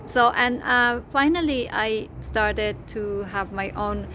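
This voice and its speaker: A middle-aged crochet designer whose first language is Farsi tells her story to camera with a Persian accent. She's casual and hesitant, with many fillers and restarts. Her voice is fairly high, bright and forceful, she speaks slowly, and there's noticeable background noise.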